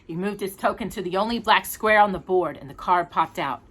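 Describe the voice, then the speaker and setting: Reading a picture book aloud at storytime, a woman narrates expressively for a young listener at a fairly quick clip. Her voice is bright and forward, pitched in the middle range.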